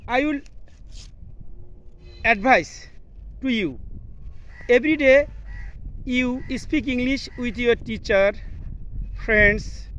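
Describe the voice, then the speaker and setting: An English teacher and video host from Bangladesh, a native Bengali speaker with a Bangladeshi accent, records an instructional vlog to camera in an open scenic place outdoors. His very high-pitched, slightly bright voice delivers halting, simple learner's English in short broken phrases, with lo-fi sound catching outdoor noise and faint birds calling.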